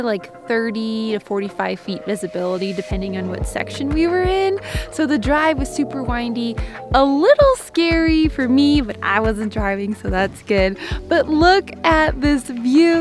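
Bubbly high-voiced young woman vlogging. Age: young adult. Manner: bubbly, chatty, laughs often. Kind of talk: casual travel vlog. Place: outdoors on a mountain trail and later a hotel room. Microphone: handheld camera at arm's length.

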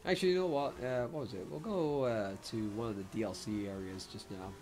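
A man with a hoarse throat, rambling casually through gameplay commentary with lots of fillers. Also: fairly low pitch, fairly quick, darkish tone. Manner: rambling, many fillers and self-mocking laughs. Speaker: game streamer. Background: game music.

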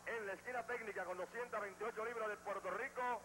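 A man's voice: high-pitched, steady tone, quick pace, bright, forceful tone. A man commentating as a lucha libre announcer, calling each move emphatically, on an old degraded TV tape. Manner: emphatic, running blow-by-blow calls. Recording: noisy, degraded 1980s TV tape.

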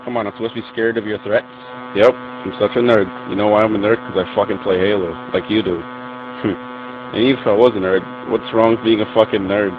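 A man's voice: lowish voice, fairly even intonation, fairly quick. A young man ranting at another gamer in voice chat, aggressive, profane and taunting. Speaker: online gamer. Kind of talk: voice-chat rant. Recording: muffled noisy game voice message.

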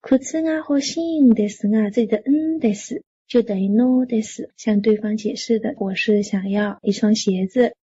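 A woman's voice: fairly high pitch, fairly quick, few pauses, mellow, breathy edge, lo-fi sound. A woman teaching a classroom grammar lecture, reading example sentences aloud and then explaining them patiently for students. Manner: explains patiently, reads Japanese lines then translates. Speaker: Japanese language teacher.

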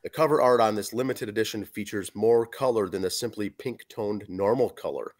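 Over a webcam video call from a small home room, a hoarse forties-aged podcast co-host reviews an album, reading facts and track lists from notes with fillers. His voice sits on the low side and he talks briskly in this casual chat.

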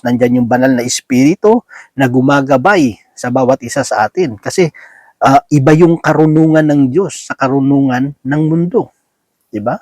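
A lay preacher gives a conversational sermon in Filipino mixed with English words, often asking his listeners tag questions and chuckling between points. His voice is mid-range and a little mellow, with no room sound.

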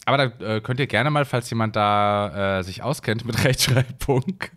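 A man's voice: on the low side, moderate pace, fairly bright tone. A man from Hesse rambling through casual gameplay commentary at his desk mic, with lots of fillers. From Hesse, Germany. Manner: chatty, rambling, many fillers. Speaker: let's play host.

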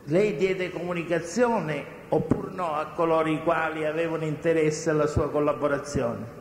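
A male lawyer cross-examining a witness in court with probing, halting questions. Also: on the high side. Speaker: defense lawyer. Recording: echoey courtroom with long reverb and faint noise.

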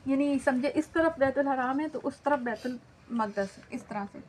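Woman Quran teacher with a high voice, lecturing conversationally and asking if her listeners follow. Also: moderate pace, a little mellow, a little hiss or hum. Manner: conversational, often checks in with "theek hai na?"; mixes in English words. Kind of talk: religious lecture.

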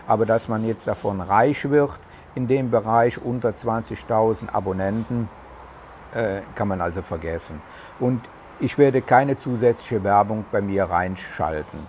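A middle-aged vlogger with a regional German dialect chats casually to camera, hesitating often, on a covered outdoor terrace in the tropics. His lowish, slightly mellow voice keeps a measured pace. A lapel mic captures him, with slight background noise.

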